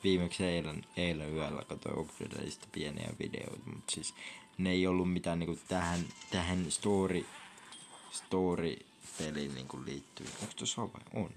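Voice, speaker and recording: A man's voice: deep voice, vocal fry, a little hiss or hum. A young man giving casual commentary over his gameplay, chatty and reacting with sudden whoops and squeals. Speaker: gaming vlogger. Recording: faint game music behind.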